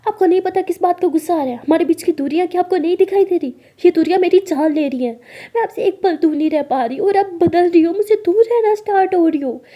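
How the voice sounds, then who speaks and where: A woman reading a storybook plays a young woman worn out by secrecy, shouting her accusations in a high voice with a soft, mellow tone. She is hurt and furious with her partner. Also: steady tone, brisk, few pauses, husky. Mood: hurt, accusing.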